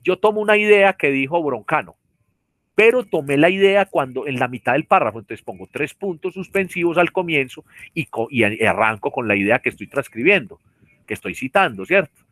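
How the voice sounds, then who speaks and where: A man's voice: a little high, lively intonation, a little fast, a bit bright, no echo. A man teaching a virtual class, explaining step by step with many fillers and tag questions. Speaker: university lecturer. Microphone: computer mic on a video call.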